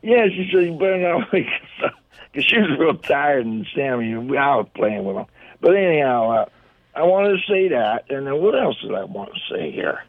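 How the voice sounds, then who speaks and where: Over a thin, tinny phone line, an elderly caller chats casually with a radio show. His voice is gruff and slightly high, with a sing-song lilt at normal speed, and he meanders from idea to idea in a relaxed, folksy ramble.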